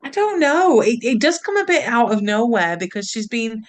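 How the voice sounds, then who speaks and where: A woman's voice: a little high, lively intonation, normal speed. A woman guesting on a podcast, chatting about a film, laughing along and dropping sarcastic asides. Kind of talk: casual chat.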